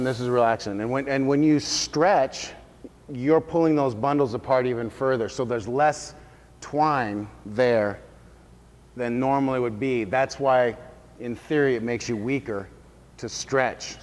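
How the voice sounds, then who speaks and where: A man's voice: medium pitch, unhurried. A man working as a fitness trainer, giving an informal workshop talk to a group in a casual, explanatory way and checking in with his listeners. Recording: reverberant hall sound.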